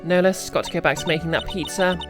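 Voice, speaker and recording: A woman's voice: lowish voice, quick pace. A woman, chatting casually as she streams a game. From United Kingdom. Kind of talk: casual livestream chat. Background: music.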